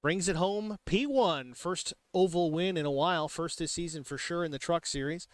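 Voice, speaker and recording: An excitable male race commentator with a voice pitched a bit above the usual, delivering lively booth play-by-play. The sound is close and dry, with almost no room around it. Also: normal speed, no echo. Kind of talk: sim racing broadcast commentary.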